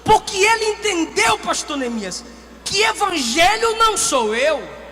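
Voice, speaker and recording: A Brazilian woman preacher delivering an emphatic sermon, shouting key lines. Her bright, lively voice swings widely in pitch. It carries through a reverberant church hall with faint music behind. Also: unhurried, a little hiss or hum. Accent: Brazilian Portuguese. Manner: shouting, emphatic, acts out quotes.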